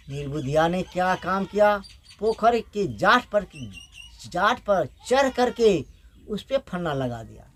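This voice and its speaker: A man telling a folk tale aloud, slow and halting, correcting himself, raising his voice for the characters. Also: high-pitched. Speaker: village storyteller.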